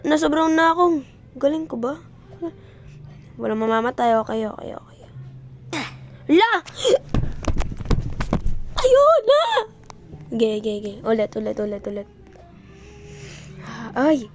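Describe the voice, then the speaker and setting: A young woman from the Philippines giving excitable, casual commentary while playing a video game, yelping and praising herself. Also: sits high. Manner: excitable, yelps and self-praise. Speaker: gameplay streamer.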